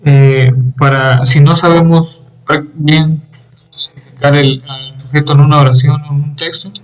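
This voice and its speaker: A young man giving a class presentation on grammar, reading with halting pauses, fillers and throat clearing. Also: a little high, steady tone, rough recording. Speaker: student presenter.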